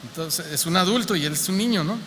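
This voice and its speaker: A man with a Mexico City accent preaches to his congregation, keeping it conversational and humorous and firing off rhetorical questions. His voice sits a little high and rings bright and forceful. The church hall gives it a long reverb over a faint background hum. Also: fast talker. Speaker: pastor. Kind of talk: sermon.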